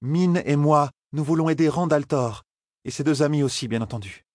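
A man voices an earnest young noblewoman, pitching his natural voice above its usual range so it sits on the high side and sounds a little mellow. He speaks at normal speed in a clean, studio-quality recording with no room sound.

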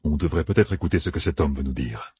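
A man voicing a calm, measured older male minstrel in an audiobook. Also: extremely low pitch, slightly rough, exaggerated voice.

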